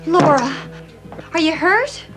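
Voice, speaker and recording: A firm yet concerned prairie mother in a period television drama. Her voice is high and moves in lively rises and falls, with soft music behind. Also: takes it slowly, full character voice.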